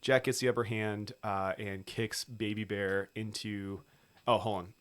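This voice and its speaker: A man co-hosts a film podcast and recaps the plot in loose, casual chat. His voice sits somewhat low, and he swears freely as he goes. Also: flat delivery, unhurried, fairly bright tone, smooth. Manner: swears freely, acts out movie lines. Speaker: podcast co-host.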